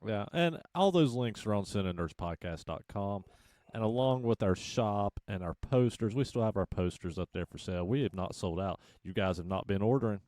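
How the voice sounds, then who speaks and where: A man's voice: fairly low pitch, expressive, normal speed, a little mellow, no room sound. A man co-hosting a casual movie podcast, teasing and enthusiastic, on a close, dry mic. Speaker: podcast co-host.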